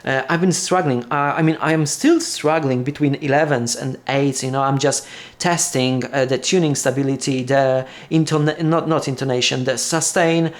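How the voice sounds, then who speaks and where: In this unboxing vlog, a man from Poland talks casually in Polish-accented speech, Polish being his first language. His mid-range voice keeps a fairly even intonation while he stumbles along with frequent fillers and restarts.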